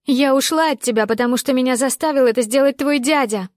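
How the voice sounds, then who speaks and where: A woman's voice: medium pitch, fairly even intonation, moderate pace, darkish tone, no echo, lightly acted. Woman reader as a distraught young heroine, raw and emotional, dry close sound. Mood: screaming, anguished. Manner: emotional outbursts. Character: young woman, heartbroken, hysterical, sobbing. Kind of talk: audiobook character voice.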